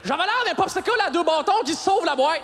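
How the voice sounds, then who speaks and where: Speaking at a quick pace, a stand-up comedian in his thirties with a Québécois French accent works a big arena crowd, lively and breaking into shouted high-pitched bursts. His stage mic picks up audience laughter and some faint noise in this live recording.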